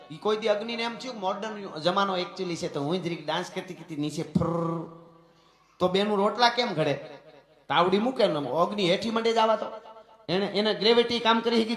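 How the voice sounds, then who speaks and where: A man's voice: sits high, a bit bright. A man with a Kathiawadi Gujarati accent telling a folk tale on stage in a dramatic, rousing way, often turning to his listeners. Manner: dramatic, rousing delivery with asides to friends. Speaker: folk storyteller. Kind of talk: dayro folk storytelling on stage. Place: stage at a live gathering. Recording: echoey hall with faint music.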